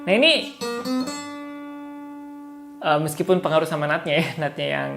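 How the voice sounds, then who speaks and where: A man's voice: fairly high pitch, moderate pace, vocal fry. A man giving a casual spoken guitar lesson as a guitar tutor, chatty and chuckling often, referring to himself in the third person.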